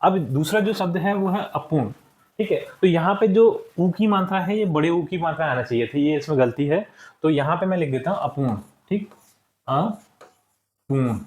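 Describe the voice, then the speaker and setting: A male teacher walking young pupils through textbook answers, saying each word slowly for them to repeat and often checking in with "ठीक है". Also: fairly high pitch, roomy sound. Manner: slow and deliberate, checks in with frequent "ठीक है". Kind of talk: classroom lesson walkthrough.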